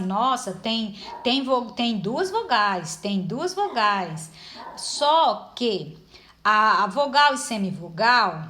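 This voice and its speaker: Woman teacher, slightly high voice, patient, explains step by step. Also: pushed and bright. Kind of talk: informal classroom lesson.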